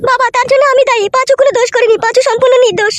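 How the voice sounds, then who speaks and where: A performer voicing a young village daughter through a sped-up chipmunk effect, pleading shrilly. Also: male voice, steady tone, rapid-fire, fairly bright tone, a little hiss or hum. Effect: sped-up chipmunk pitch.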